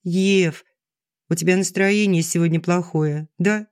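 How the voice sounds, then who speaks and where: A man reading an audiobook, voicing a gentle, soft-spoken aging schoolteacher who talks earnestly to her friend. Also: sits high, steady tone, unhurried, dry recording, clean studio sound. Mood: mildly reproachful. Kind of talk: audiobook dialogue.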